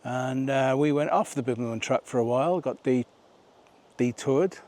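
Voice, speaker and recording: A man's voice: medium pitch, normal speed, a little mellow. A man narrating a walking vlog outdoors on a rural nature trail, chatty and rambling, asking viewers questions as he goes. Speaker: vlogger.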